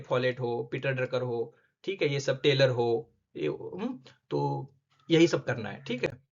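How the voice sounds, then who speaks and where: A young man tutoring exam candidates in a casual lesson, briskly checking in with his listeners as he goes. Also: on the high side. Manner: brisk, keeps asking "theek hai?". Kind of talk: casual explanatory lesson in Hindi-English mix. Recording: dull lo-fi recording.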